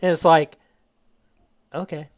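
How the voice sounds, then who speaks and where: A man's voice: a little high, little pitch movement, slow pace. A man hosting a podcast, telling stories in a casual, rambling way with swearing and laughter. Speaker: podcast host. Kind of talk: casual chat.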